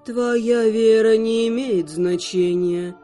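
A woman's voice: on the high side, slow pace, warm tone, soft background music, pitched below the performer's own voice. A woman voicing an inhuman female spirit who comes for souls, with a rustling, eerie voice, in an audiobook. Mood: cold.

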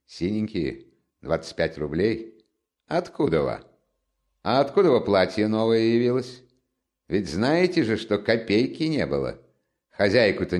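Man reading feverish young student, taunting, mocking, nervous, low voice, wide-swinging pitch. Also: darkish tone, heavily acted. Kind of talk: audiobook character reading.

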